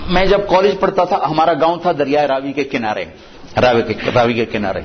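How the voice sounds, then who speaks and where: A man's voice: fairly high pitch, highs cut off, slight background noise. A middle-aged man giving a sermon, reciting verses and telling stories from his village youth to explain their words. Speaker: preacher. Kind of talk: Urdu sermon with Quranic recitation.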